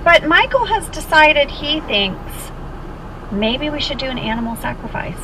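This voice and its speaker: A woman with a high voice co-hosts a casual recap podcast. She tells stories in an animated way and slips into quotes. The recording has clear car and road noise over it. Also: unhurried. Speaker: podcast co-host. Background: vehicle and outdoor traffic noise.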